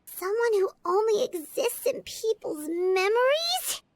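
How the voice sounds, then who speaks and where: A woman voicing a small, talkative, childlike fairy companion in a video game, squeaky, eager and exclamatory. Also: very animated, a little slow, no room sound, exaggerated voice. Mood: puzzled. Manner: speaks of herself in third person, exclamatory.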